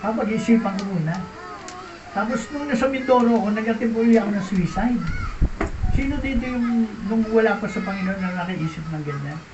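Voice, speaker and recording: A male pastor with a rather high voice tells his testimony with drama and keeps turning questions back to the congregation. He is picked up from a distance in a reverberant church hall, and the sound is dull, with steady background noise. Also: a little fast. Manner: dramatic storyteller, questions the audience.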